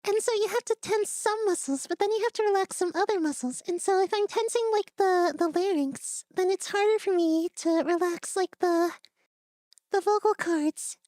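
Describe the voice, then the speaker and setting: A woman's voice: extremely high pitch, moderate pace, a little mellow, dry recording, studio quality. A woman on a live stream walking through vocal technique step by step, giggly and casual as she explains. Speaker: guest voice coach. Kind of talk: casual voice-training demo on stream.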